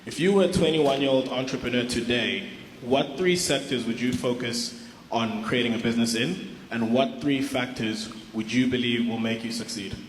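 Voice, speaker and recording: A man's voice: mid-range voice, moderate pace. Polite South African man in an echoey hall. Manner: polite, formal. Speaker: audience member asking a question. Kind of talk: formal question from the floor. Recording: echoey hall with faint noise.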